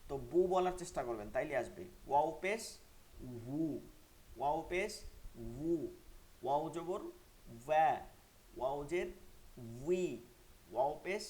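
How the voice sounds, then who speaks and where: A man teaching an online Quran pronunciation class, explaining sounds and repeating them slowly for learners to copy. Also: on the high side, lively intonation, a little mellow.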